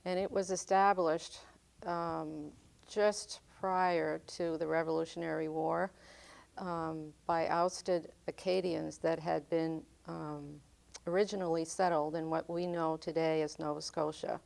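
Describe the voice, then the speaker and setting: An older woman from northern Maine, United States, who grew up speaking French, is the interviewee in an oral history interview. Her voice is a little low, smooth, clear, level in tone, and slightly mellow. She speaks slowly and reflectively, pausing often with frequent ums as she gathers her memories.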